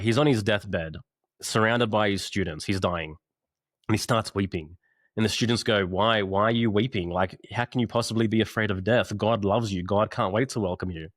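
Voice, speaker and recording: A man's voice: on the low side, no room sound, clean studio sound. A man, a podcast guest, talking earnestly over a video call and telling a parable in casual conversation. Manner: earnest, storytelling.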